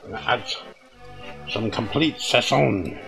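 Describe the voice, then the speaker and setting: An older man with a gravelly, creaky voice talks through a home cooking demonstration in a relaxed, folksy way, slipping in the odd pirate joke. A pan sizzles in his kitchen while music plays clearly underneath his voice. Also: mid-range voice, unhurried, rough recording. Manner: folksy, chatty, with occasional pirate jokes. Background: sizzling frying pan and music.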